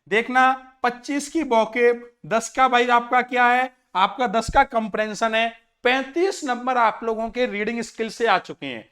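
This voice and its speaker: High-voiced man giving a chatty lecture. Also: fairly bright tone. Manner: chatty, repeatedly addressing listeners as friends and brothers. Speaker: exam coaching teacher. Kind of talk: lecture to exam aspirants.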